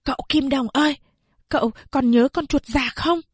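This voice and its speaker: Woman doing an eager high little boy. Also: moderate pace, dry recording, lightly acted. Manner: eager, pleading questions. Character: young village boy, curious and secretive.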